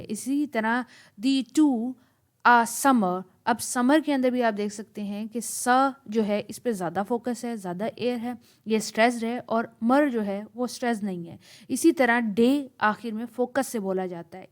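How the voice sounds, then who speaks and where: A woman lectures on poetry, her voice sitting a little high. She walks through each point step by step. She reads sample lines of verse aloud, pressing hard on the stressed syllables. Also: moderate pace. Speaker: literature teacher.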